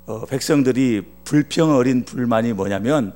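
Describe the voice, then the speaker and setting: Joking guest pastor from Chungcheong. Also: male voice, medium pitch, normal speed, darkish tone, faint music behind. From Chungcheong, Korea. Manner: jokey, acts out dialogue in dialect. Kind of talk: humorous sermon storytelling.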